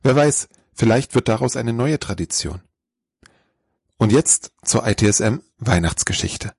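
A man's voice: medium pitch, lively intonation, takes it slowly, vocal fry, a little mellow, slightly rough, dry recording, studio quality. A man hosting a podcast, giving a scripted, lightly playful introduction. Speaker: podcast host.

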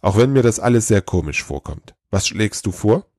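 A man voicing a weary, kindly old Santa who speaks slowly and calmly, read as a storybook figure. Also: on the low side, no room sound, studio quality, voice pushed up. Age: older. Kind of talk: storybook reading.

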